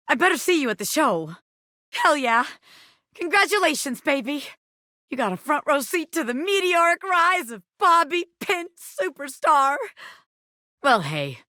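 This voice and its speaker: Bright, swaggering wannabe crime boss Bobby Pin. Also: female voice, a little high, no echo, studio quality. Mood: jubilant, then awkward, dismissive. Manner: streetwise, swaggering, slangy tough talk. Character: scrappy living bobby pin, brash wannabe crime boss with showbiz dreams. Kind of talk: video game character dialogue.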